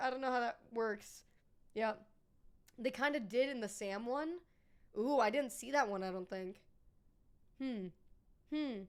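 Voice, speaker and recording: High-voiced chatty woman streamer. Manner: rambling, chatty, swears freely. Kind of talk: casual chat with live viewers.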